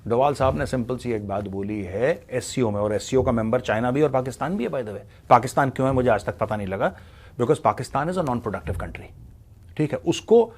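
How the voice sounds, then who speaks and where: Husky guy ranting blunt political commentary, scornful, drops english phrases in. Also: mid-range voice, darkish tone. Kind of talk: opinionated commentary; reads quotes slowly in English.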